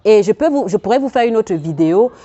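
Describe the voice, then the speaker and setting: Warm-toned and expressive, a woman at medium pitch speaks fast as a life coach in a self-help video, sounding earnest and preacher-like. She talks right to the listener, laughs between points and repeats phrases for emphasis; the recording's highs are cut off.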